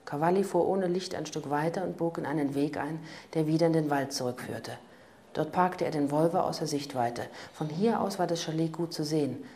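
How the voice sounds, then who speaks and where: A woman narrating a crime audiobook in a calm, even manner. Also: sits low, brisk, a little hiss or hum. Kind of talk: scripted narration.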